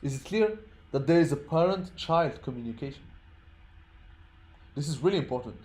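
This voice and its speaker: A male programming instructor, whose third language is English and not his first, teaches informally at a moderate pace. His voice is a little high, darkish, and expressive. He breaks things down step by step, repeats words, and keeps checking that people understand.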